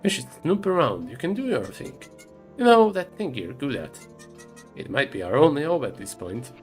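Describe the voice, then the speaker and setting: A man's voice: medium pitch, big pitch swings, normal speed, faint music behind, close to an everyday voice. A man doing a grumpy, sarcastic train conductor. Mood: grumbling. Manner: sarcastic, grumbling.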